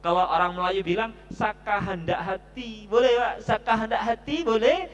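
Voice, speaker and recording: A man teaching Quran recitation at a mosque study session, chatty and joking, drilling the audience with slow, drawn-out recitations. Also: sits high, fairly bright tone, muffled recording.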